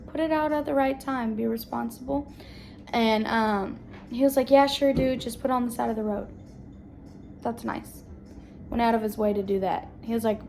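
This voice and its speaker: Chatty young mom vlogging at home. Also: female voice, on the high side, a little hiss or hum. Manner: chatty, rambling, southern-tinged "y'all". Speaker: family vlogger. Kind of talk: casual chat to camera. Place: at home indoors.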